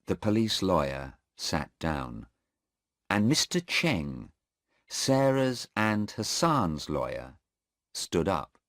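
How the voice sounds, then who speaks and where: A man reading a simple story aloud for English learners, clear and very measured. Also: low-pitched, very animated, fairly bright tone, no room sound, clean studio sound. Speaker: story reader. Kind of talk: slow graded-reader narration for English learners.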